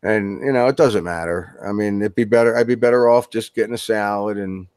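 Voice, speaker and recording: A man's voice: lowish voice, fairly quick, darkish tone, clean tone, dry recording, studio quality. A man being interviewed as a guest author, talking in a loose, rambling way with many restarts. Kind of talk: casual interview chat.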